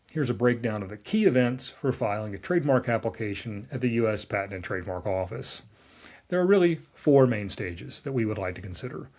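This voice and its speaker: A man's voice: on the low side, darkish tone. A man, a lawyer reading a scripted explainer with wry, dry asides. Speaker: trademark lawyer recapping a newsletter.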